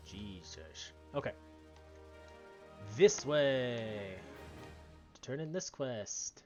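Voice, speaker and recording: A man's voice: mid-range voice, expressive, very slow, darkish tone. Casual male gamer over music. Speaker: game streamer reading quests aloud. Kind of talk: casual gameplay commentary. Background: game music.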